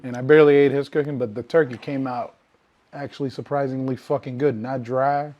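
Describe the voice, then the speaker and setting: A man's voice: medium pitch, a little fast, lo-fi sound. A man co-hosting a podcast, rambling through stories in casual chat, cursing often. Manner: swears a lot, rambling and loose; animated when telling stories. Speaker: podcast co-host.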